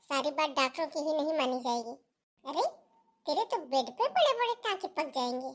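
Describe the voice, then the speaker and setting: A bossy mother-in-law from a family melodrama, acted by a woman in a high, piercing voice. She scolds and mocks without letting up. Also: expressive, normal speed. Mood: lecturing. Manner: shrill, taunting, scolding. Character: scolding middle-aged mother-in-law, harsh and domineering.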